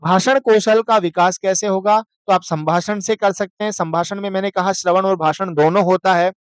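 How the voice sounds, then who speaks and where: Male lecturer, high crisp voice, dry close sound, quizzing style. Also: fairly even intonation, dry recording. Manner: chants verses slowly, asks and answers own questions. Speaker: teacher. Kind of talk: exam-prep lecture.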